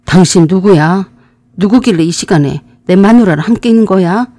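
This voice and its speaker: A woman doing a furious cheated-on husband yelling, dry close mic, radio drama. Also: lowish voice, lively intonation, normal speed, no echo. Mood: angry. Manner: loud, confrontational. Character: furious betrayed husband, installation worker.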